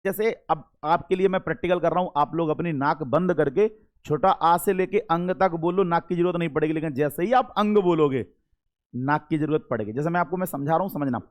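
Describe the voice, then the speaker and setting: A man's voice: a little high, brisk. A man teaching a grammar lesson to a class. He sounds out vowels himself, repeats the key terms and keeps asking questions to check they follow. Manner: calls students "beta", demonstrates sounds aloud.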